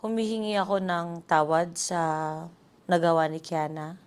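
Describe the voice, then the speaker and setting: A woman's voice: on the low side, normal speed, a little hiss or hum. A woman with a Filipino accent giving earnest, frank commentary to camera. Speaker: leader of the vlogging family, commentator. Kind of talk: talk-to-camera commentary and apology.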